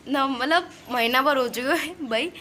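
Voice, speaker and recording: Young female vlogger, chatty storyteller who laughs a lot, fairly high, very bright voice. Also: a little slow, slight background noise. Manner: chatty, laughs often while telling. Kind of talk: casual storytelling vlog.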